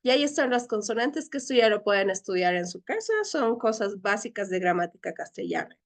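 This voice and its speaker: A woman's voice: medium pitch, expressive, a little fast, vocal fry. A woman teacher leading a Greek class, explaining patiently step by step and often checking with her students. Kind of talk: online class lecture.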